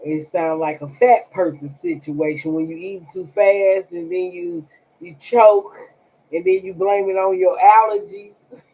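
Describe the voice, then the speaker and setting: A woman's voice: fairly low pitch, fairly even intonation, measured pace, dark tone, poor audio. A woman chatting casually on a livestream as a tarot reader, blunt and profane, talking straight to her viewers. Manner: blunt and profane, talks to chat directly.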